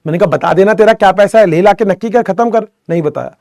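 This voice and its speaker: Chatty young male biology teacher, high voice. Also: fast, darkish tone, no echo, studio quality. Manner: chatty, addresses students as beta, jokes often. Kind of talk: casual classroom lecture with storytelling.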